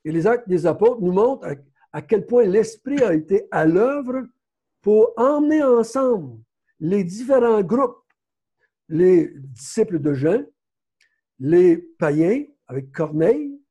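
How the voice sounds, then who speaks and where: With a Québécois accent, a man leads a conversational Bible study, often correcting himself as he goes. His high voice is animated, warm, and slightly rough, he takes his time, and the audio sounds dull.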